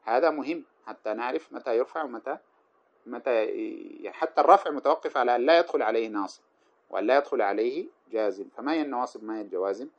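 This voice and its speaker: A man teaching grammar, reciting lines of verse slowly and then explaining them with many short examples. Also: medium pitch. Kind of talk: explaining a grammar poem line by line. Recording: dull lo-fi recording.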